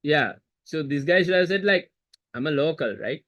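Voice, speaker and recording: A man's voice: fairly high pitch, lively intonation, moderate pace, a bit bright. A man teaching a history seminar over a video call, repeating key terms and quizzing students with chatty asides. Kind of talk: online seminar lesson. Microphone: computer mic on video call.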